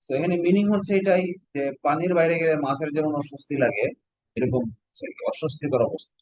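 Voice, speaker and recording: A man's voice: on the high side, expressive, fast talker, a little mellow, no echo, rough recording. A Bangladeshi man teaching an online exam-prep class, explaining step by step and quizzing his students with questions.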